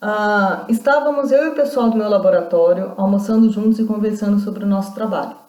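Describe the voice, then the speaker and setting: Woman lecturing with a mellow voice. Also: mid-range voice, echoey room. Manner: explanatory, reads out quoted accounts, many restarts. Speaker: university lecturer. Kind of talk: recorded online lecture.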